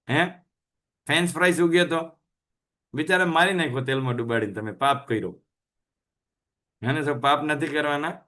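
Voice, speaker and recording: A man's voice: on the high side, a bit bright. A man hosting a health channel, giving a casual motivational talk, chatty and full of rhetorical questions, mixing languages.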